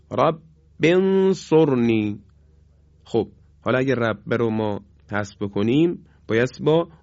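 A man teaching Quran recitation in a broadcast lesson, patiently repeating each example slowly and clearly. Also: fairly low pitch, dry recording. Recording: dull, dry studio sound.

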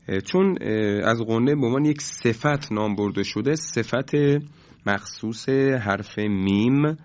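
A man teaching a recorded lesson on Quran recitation, explaining in a measured way with hesitant fillers. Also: on the low side. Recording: dull lo-fi recording.

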